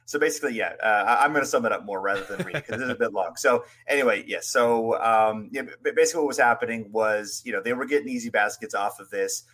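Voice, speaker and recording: A man's voice: mid-range voice, fast, hardly any pauses, fairly bright tone. A man hosting a casual sports history chat, narrating loosely with many fillers. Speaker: podcast host.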